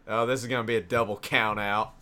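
A man with a Boston accent gives loose, profane commentary as a podcast co-host. His voice is bright and forward, and he breaks into laughter often. His delivery stays excitable. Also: lowish voice, quick pace. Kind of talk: casual commentary while watching wrestling.

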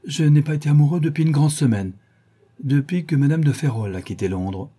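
A man's voice: on the high side, animated, a little fast, dark tone, breathy edge, voice pushed up. A man voicing a polite, moody young dandy who answers with light, smiling replies. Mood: teasing.

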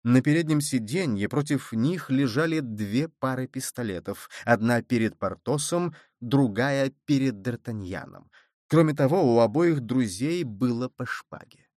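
A man reads an audiobook in a steady, measured way, his voice mid-pitched and even. The recording is dry and close, with no room echo. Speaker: audiobook narrator. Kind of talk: scripted narration.

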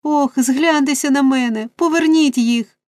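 A woman's voice: sits high, a little slow, a little mellow, dry recording, studio quality, pitched above the performer's own voice. A woman voicing a frightened young orphan boy who pleads desperately. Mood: desperate pleading. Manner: pleading, tearful.

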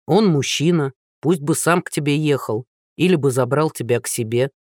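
A narrator voicing a blunt, unflappable small-town army captain who speaks plainly. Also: male voice, fairly high pitch, normal speed, a little mellow, dry recording, clean studio sound, natural voice. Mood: puzzled.

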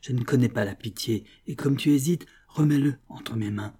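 A man's voice: medium pitch, moderate pace, warm tone, slightly rough, natural voice. Man voicing a pitiless, demanding countess.

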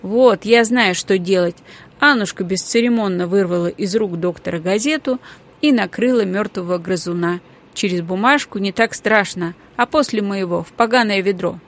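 A woman reading a children's novel aloud in a calm, even storytelling manner. Her voice sits at a middle pitch, steady and clear. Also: normal speed. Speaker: audiobook narrator. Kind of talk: scripted narration.

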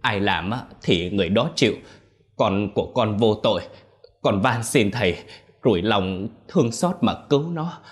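A man's voice: fairly low pitch, expressive, normal speed, lightly acted. A man voicing a desperate middle-aged mother begging for her son's life in a ghost story. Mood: pleading. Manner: pleading, begging.

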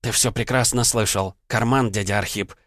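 A man reading an audiobook, voicing an angry young woman who snaps out sharp, commanding lines in a raised voice. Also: lowish voice, fairly even intonation, moderate pace, no echo, clean studio sound, lightly acted. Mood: bitter. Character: young woman, furious and defiant.

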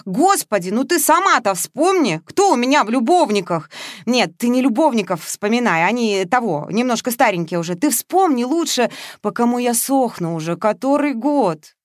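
A woman's voice: fairly high pitch, normal speed, no echo, clean studio sound, voice pushed up, lightly acted. A woman narrator voicing Veronika, a brash, teasing middle-aged actress who gushes about young men. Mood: gushing. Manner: pushy, teasing, excitable. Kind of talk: audiobook character reading.

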